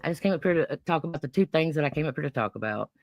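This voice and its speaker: Woman caller, lowish voice, bad connection cutting in and out, loud crowd behind her. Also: expressive, racing, lo-fi sound. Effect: bad connection, breaking up. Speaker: caller on a live audio room. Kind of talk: casual chat.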